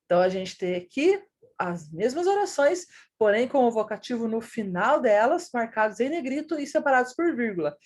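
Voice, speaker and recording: High-voiced woman teaching grammar. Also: big pitch swings, moderate pace, darkish tone. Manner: explains patiently with rhetorical questions and "né?". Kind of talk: recorded grammar lesson.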